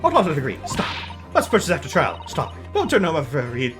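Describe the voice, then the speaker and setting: Streamer playing a foreign game character, stilted tourist-phrasebook English, emphatic delivery, animated pitch, music behind. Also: fast. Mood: insistent.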